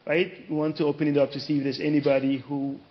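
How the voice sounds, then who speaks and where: A man's voice: on the high side, little pitch movement, fast, highs cut off. A man moderating a conference panel, summing up points and inviting the audience to speak.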